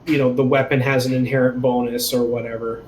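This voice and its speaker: A man's voice: mid-range voice, level tone, a little fast, a little mellow, slight background noise. A man acting as game master, chatting casually and patiently explaining his rulings. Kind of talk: casual chat between game sessions.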